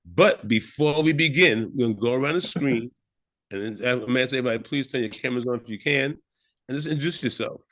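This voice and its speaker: A man's voice: mid-range voice, quick pace, a bit bright. A man hosting an online networking meetup over a video call, calling on attendees by name in a friendly way. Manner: friendly, calls on people by name. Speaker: meetup host.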